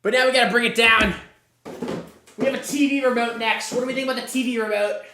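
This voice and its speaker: Hosting a livestream, a man delivers hyped tier-list commentary, repeating catchphrases like a mock sportscaster. His voice is very high and fast with a sharp tone and fairly even intonation. The room sounds echoey.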